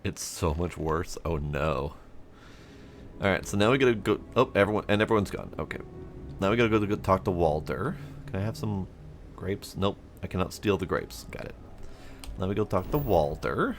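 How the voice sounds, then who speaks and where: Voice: low-pitched, lively intonation, a little fast, slight background noise. A game streamer giving casual, sarcastic and irreverent commentary while playing.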